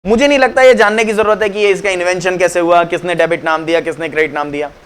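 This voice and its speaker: His voice is high, steady, smooth and a bit bright, and he talks fast. In a talkative accounts lecture he asks students questions, supplies the answers himself, blends English into his Hindi and calls them "beta" with affection.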